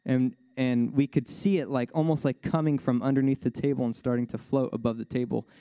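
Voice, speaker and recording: A man preaching in a casual storytelling way, with lots of "like" and "you know". His voice jumps up high when he gets excited, and he laughs often. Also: brisk, no room sound. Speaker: worship speaker at a church service. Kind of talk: sermon testimony told as a story.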